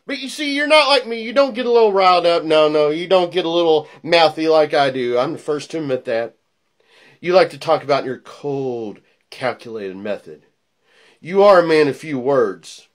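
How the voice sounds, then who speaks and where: A middle-aged man delivering a wrestling promo, a theatrical, taunting monologue that moves between low menace and loud intensity. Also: lively intonation, moderate pace. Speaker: pro wrestling personality cutting a promo. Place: small plain indoor room.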